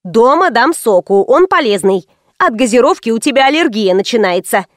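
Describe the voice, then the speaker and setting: A woman's voice: on the high side, expressive, normal speed, no echo, studio quality, lightly acted. A woman voicing a tired, snappish mother. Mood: weary. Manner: weary, curt.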